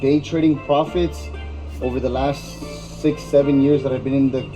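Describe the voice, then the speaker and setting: A man's voice: medium pitch, fairly even intonation, normal speed, over music, low-quality recording. A man in his twenties from Miami, talking casually as an interview guest and often dropping "yeah, yeah.". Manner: laid-back, repeats fillers like "yeah, yeah". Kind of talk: casual conversation.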